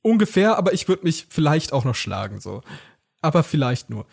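Young male co-host, fast and husky, rambling storyteller. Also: a little high, sing-song. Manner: rambling, acts out quoted lines. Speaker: podcast co-host. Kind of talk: casual storytelling chat.

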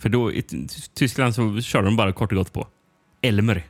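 A man's voice: fairly low pitch, fairly even intonation, no echo. A man co-hosting a casual film podcast, laughing often and reading aloud with some stumbles and restarts. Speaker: podcast co-host.

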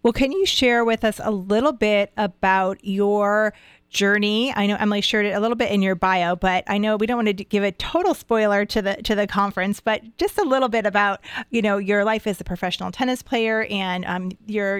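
Smooth-voiced female podcast co-host. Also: medium pitch, brisk, no room sound, studio quality. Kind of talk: interviewing.

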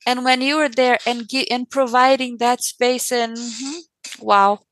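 A woman's voice: a little high, steady tone, measured pace, a bit bright, dry recording, rough recording. Earnest woman speaking in an interview. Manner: earnest, repeats phrases for emphasis. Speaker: parent and interview guest. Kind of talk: conversational interview.

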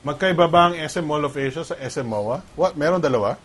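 A man's voice: on the high side, lively intonation, brisk, slightly rough. A man hosting a casual tech chat who laughs often and switches between Tagalog and English. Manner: laughs often, mixes English into Tagalog, reads viewer comments. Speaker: podcast host.

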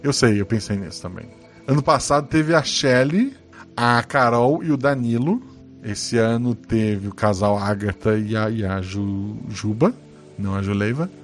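A man's voice: on the low side, measured pace, faint music behind. Joking Brazilian podcast host man. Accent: Brazilian Portuguese. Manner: joking, swears casually. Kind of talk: casual podcast chat reading listener comments.

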